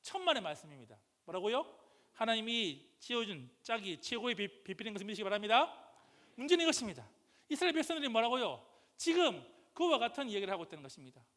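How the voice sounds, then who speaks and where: A man preaching a sermon as pastor, questioning the congregation call-and-response style and rising to loud, impassioned outbursts. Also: high voice, sing-song, fast. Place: church sanctuary. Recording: church hall reverb.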